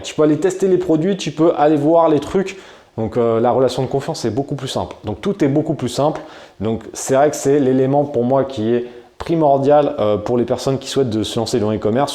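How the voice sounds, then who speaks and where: A man from France gives casual e-commerce advice to camera, chatty and full of slang. His voice is mellow and dark. The room around him leaves a noticeable echo. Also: mid-range voice. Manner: chatty and slangy, addresses the viewer familiarly. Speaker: e-commerce video host. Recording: roomy echo.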